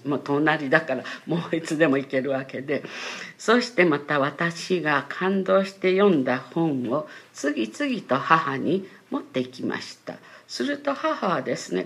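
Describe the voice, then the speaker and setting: Middle-aged woman telling her church testimony, lowish voice that swoops way up and down, acts out the people she quotes. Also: vocal fry. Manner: animated storyteller who voices quoted family members; gentle, pads phrases with polite sentence tags.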